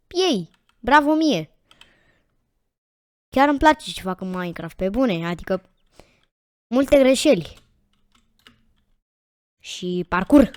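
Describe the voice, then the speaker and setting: A woman giving casual let's-play commentary with a smooth, clear voice. She gets excitable and repeats words in quick bursts while chatting to her viewers. The sound is dry and close. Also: medium pitch, dry recording. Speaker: gaming channel host.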